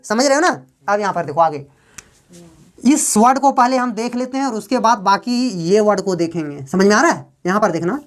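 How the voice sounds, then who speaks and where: A woman teaching English grammar to a class, asking questions and answering them herself, and drawing out example words slowly. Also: fairly high pitch.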